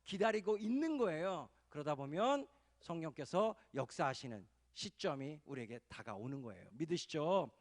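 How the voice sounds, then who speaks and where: High-voiced preaching man in a hall. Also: very animated, moderate pace. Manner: impassioned preaching that swells into loud pleading cries; calls for amens and hallelujahs from the congregation. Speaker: pastor. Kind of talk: sermon. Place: church retreat hall. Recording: reverberant hall recording.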